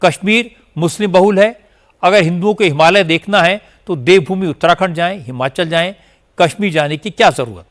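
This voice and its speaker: Male news anchor with a slightly high voice, crisp and emphatic. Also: normal speed, fairly bright tone. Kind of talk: news narration.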